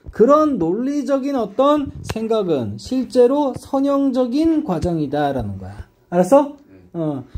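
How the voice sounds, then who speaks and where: A man lectures his English students in a high voice with a breathy edge, frequently checking that they follow. He keeps it lively, his stress swinging up and down.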